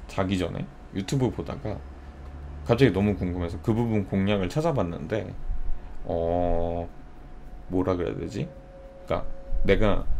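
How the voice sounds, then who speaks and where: A man's voice: sits low, mellow, a little hiss or hum. A young man streaming, chatting casually and telling a story with acted-out quotes. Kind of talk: casual live-stream chat.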